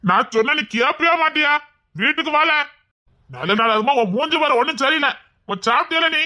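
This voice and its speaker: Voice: mid-range voice, animated, fast, sharp tone. A performer with a Tirunelveli accent playing a bossy village uncle in a comedy skit, nagging and giving orders. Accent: Tirunelveli Tamil.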